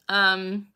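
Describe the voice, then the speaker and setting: A young woman in her twenties with a bright, clear, medium-pitched voice hosts a relaxed livestream Q&A, reading chat aloud. Chatty, she greets viewers by name one by one, breaking into laughter and sudden vocal tics along the way.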